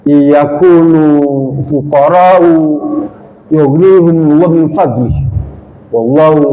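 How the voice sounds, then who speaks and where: A man giving a wedding sermon, preaching in a slow, measured way and chanting Arabic verses between lively jokes. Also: on the high side, a little hiss or hum. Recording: echoey hall, dull sound, faint ambience.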